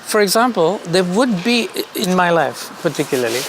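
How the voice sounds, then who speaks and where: A man from India, a creative director, speaking as an interview guest in a relaxed, thoughtful way, often repeating words as he searches for them and laughing easily. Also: high-pitched, normal speed, slight background noise. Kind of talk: casual conversation.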